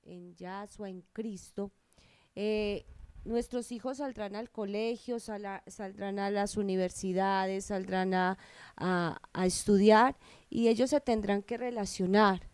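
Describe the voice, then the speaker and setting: A woman's voice: mid-range voice, fairly even intonation, takes it slowly, a little mellow, clear, resonant tone, dry recording. A woman taking part in a Bible study discussion, speaking hesitantly with many restarts, into a handheld microphone passed to her.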